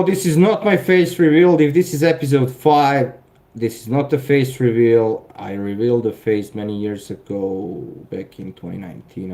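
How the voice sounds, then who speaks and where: A man's voice: lowish voice, dark tone. A man in his thirties with a Serbian accent, hosting a casual live stream and answering viewer comments with dry sarcasm and frequent chuckles. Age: 30s.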